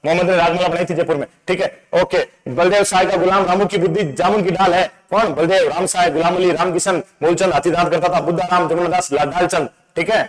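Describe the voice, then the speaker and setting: A man teaching an exam-prep lesson, playful and asking quick quizzing questions over and over. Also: high voice, fairly even intonation, rough recording. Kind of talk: exam-prep lecture with memory tricks.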